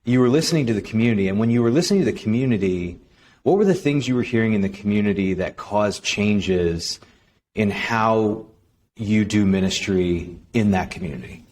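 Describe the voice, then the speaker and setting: Enthusiastic male interviewer, low voice. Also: lively intonation, brisk, a little mellow, a little hiss or hum. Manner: enthusiastic, affirming. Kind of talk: interview questions.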